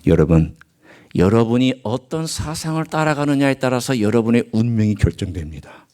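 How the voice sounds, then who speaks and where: A male pastor preaching a sermon in church, swinging from loud emphasis to hushed asides and acting out quoted voices and dialect. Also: mid-range voice, lively intonation, normal speed. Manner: acts out quoted speech and regional dialect phrases. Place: church sanctuary.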